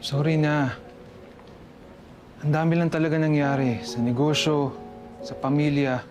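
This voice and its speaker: Actor as apologetic boyfriend, slow and pleading, TV drama with music bed. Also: male voice, a little high, level tone, lo-fi sound, lightly acted. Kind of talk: TV drama acting.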